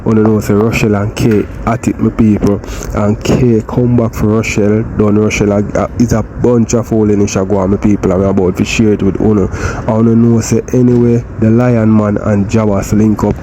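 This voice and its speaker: Jamaican man, flat low gossip-channel host. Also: brisk. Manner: repeats "my people", laid-back. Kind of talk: casual commentary. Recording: noisy background.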